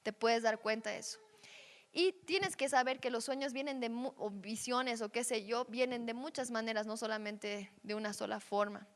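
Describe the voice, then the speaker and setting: A woman's voice: a little high, vocal fry, fairly bright tone, in a large hall. A woman giving a teaching session on dreams. She speaks conversationally and often checks in with her listeners. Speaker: Bible teacher.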